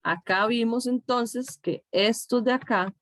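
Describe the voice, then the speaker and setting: Costa rican woman teacher doing a screen tutorial, slow and patient, dry close mic. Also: fairly high pitch, fairly bright tone, no room sound. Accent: Costa Rican Spanish. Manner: slow, patient, explaining step by step with checks like "¿de acuerdo?".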